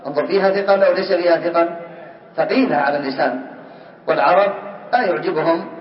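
A man teaching a grammar class, questioning students by name and drilling word forms slowly. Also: on the high side. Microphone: far from the mic. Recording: distant, roomy, dull lo-fi recording.

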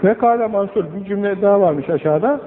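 An older man preaching a sermon in an earnest, admonishing way, his emphasis rising on key points, on an old low-quality recording. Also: brisk, a little hiss or hum. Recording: old lo-fi recording, phone-like band, echoey hall.

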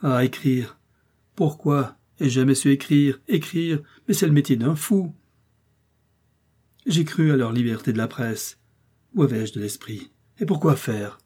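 A man's voice: medium pitch, a little slow, mellow, breathy edge, voice pushed up. A man voicing an anguished young husband sent into exile, crying out in regret.

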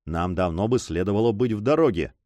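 A man voicing a calm, terse male guide who speaks in a subdued, matter-of-fact way. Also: on the low side, a little fast, no echo, close to an everyday voice.

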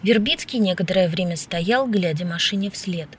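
A woman narrating a novel as an audiobook in a steady, even storytelling manner. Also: on the low side, normal speed, slight background noise. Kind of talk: scripted narration.

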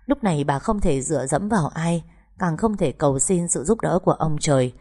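A woman narrating a scripted audiobook. Her voice is low and mellow, and her storytelling is steady and emotive. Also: a little fast, breathy edge.

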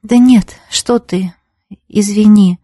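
A woman voicing a blunt, sharp-tongued teenage girl in a storybook reading, curt and mocking. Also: medium pitch, slow, no echo, clean studio sound. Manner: curt, mocking, then flustered and soft.

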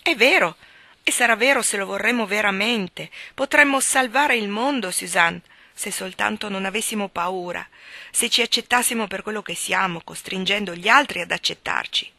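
A woman's voice: mid-range voice, normal speed, creaky, bright, forceful tone, no room sound. A woman reading as a fervent proud young woman. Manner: arrogant, fervent, preaching. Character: proud, passionate young Eurasian woman doctor.

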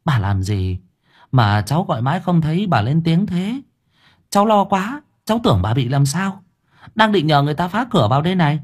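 A man's voice: fairly high pitch, very animated, brisk, husky, pitched above the performer's own voice. A man voicing a worried young village woman calling out urgently in an audiobook story.

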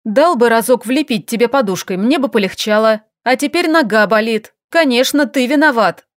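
A woman's voice: fairly high pitch, lively intonation, normal speed, no echo, close to an everyday voice. A woman voicing a fiery, capricious young noblewoman who talks in an indignant, demanding, snappy way in an audiobook.

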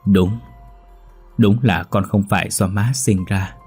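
A wounded old mother reassures her son softly, as a male storyteller puts her on. The voice stays low and husky. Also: fairly even intonation, slow pace, soft background music, exaggerated voice. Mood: tender. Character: loving older mother, wounded yet tender.

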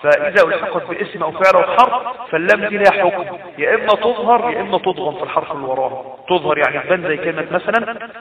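Fast-talking Egyptian man teaching recitation rules. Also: sits high, lively intonation. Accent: Egyptian Arabic. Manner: explanatory, repeats points and asks rhetorical questions. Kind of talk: recorded lesson explaining recitation rules. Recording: tinny phone-like sound, roomy and distant from the mic.

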